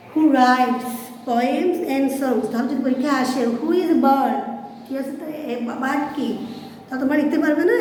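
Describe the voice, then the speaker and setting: High-voiced Bangladeshi woman teaching in echoey room. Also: warm tone, a little hiss or hum. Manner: explains English words slowly in Bengali, asks checking questions. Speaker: school English teacher. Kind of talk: recorded classroom lesson. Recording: roomy echo with long reverb.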